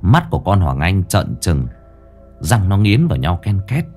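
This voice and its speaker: Lively low-voiced male horror narrator. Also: normal speed, soft background music. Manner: dramatic, lively storytelling. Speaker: storyteller.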